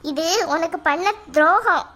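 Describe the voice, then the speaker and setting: Woman doing a squeaky worried cartoon mother. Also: measured pace, pushed and bright, heavily acted. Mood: pleading. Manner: fretful, pleading. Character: worried middle-aged mother. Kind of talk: cartoon voice acting.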